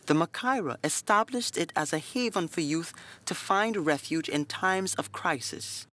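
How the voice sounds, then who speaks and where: A man voicing a calm, devout middle-aged nun who speaks with gentle, motherly earnestness. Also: a little high, unhurried, voice pushed up. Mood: earnest.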